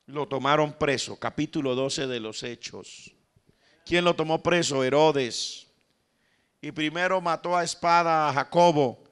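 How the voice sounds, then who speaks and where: A Colombian man preaching a sermon in a bright, forceful voice that sits a little high. He tells stories and acts out what the people in them say, turning often to his listeners as "brother". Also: clean tone. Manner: storytelling preacher, calls the congregation "hermano", acts out the quoted lines. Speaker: pastor.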